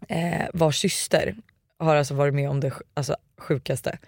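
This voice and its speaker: Animated man telling a ghost story. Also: fairly high pitch, vocal fry, no echo, clean studio sound. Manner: animated storyteller, acts out quotes. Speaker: podcast host. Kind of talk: casual podcast chat, telling ghost stories.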